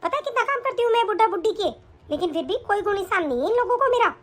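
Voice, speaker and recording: A woman's voice: very high voice, animated, racing, fairly bright tone. Woman voicing a whiny spoiled young wife. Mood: complaining. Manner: whiny, complaining, defiant. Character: spoiled quarrelsome young married daughter. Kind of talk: animated story voice acting.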